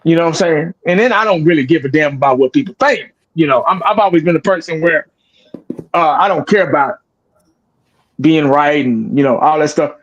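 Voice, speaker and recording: In a loose, casual chat, this man in his forties, a sports video creator, rambles and restarts his sentences, talking bluntly and with plenty of profanity. He speaks in a drawl a little on the fast side, his voice a touch high for a man with a fairly bright tone, and the recording sounds muffled.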